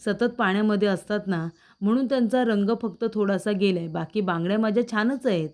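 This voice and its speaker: A woman's voice: medium pitch, fairly quick, darkish tone, close to an everyday voice. A woman voicing a worried, loving older mother who coaxes and frets over her son. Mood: worried, doting. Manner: coaxing, fretful.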